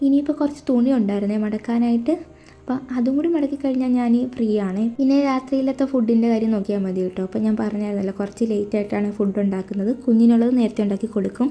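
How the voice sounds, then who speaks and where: A woman's voice: fairly high pitch, dark tone. A young woman from Kerala, a stay-at-home mother, chatting casually over her daily routine, homely and friendly. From Kerala, India. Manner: chatty, homely, with frequent friendly tag words.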